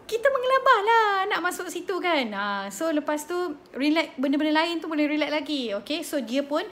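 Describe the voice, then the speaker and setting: A woman in her thirties with a Malaysian accent, hosting a parenting talk and telling stories in a chatty, animated way. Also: high-pitched, a little fast. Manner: chatty, code-switching, animated storytelling. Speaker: host of a parenting slot. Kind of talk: casual live chat, storytelling.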